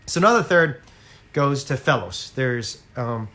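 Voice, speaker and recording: Speaking a little slowly but with animation, this man has a mid-range voice that sounds pushed and bright. He's an animal rights activist on a casual home livestream, urging viewers directly and earnestly, captured on a phone or laptop.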